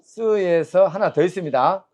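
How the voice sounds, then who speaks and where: A man's voice: high-pitched, a little slow, a little mellow. A man teaching Chinese characters and tones, quizzing his students and drilling sounds aloud in a call-and-response lecture.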